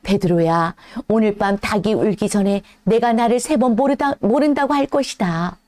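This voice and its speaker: A woman voicing Jesus as a calm, solemn grown man in a children's Bible story, speaking slowly and gently. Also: medium pitch, voice pushed down, natural voice. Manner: slow, gentle, grave speech.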